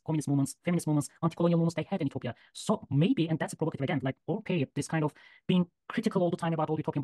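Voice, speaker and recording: A man's voice: fairly high pitch, warm tone, dry recording, low-quality recording. A man in his thirties, a guest speaker, arguing his point in an earnest way on a video call from a room with bookshelves. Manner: fast, earnest, argumentative. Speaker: guest speaker, human geographer. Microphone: laptop webcam video call.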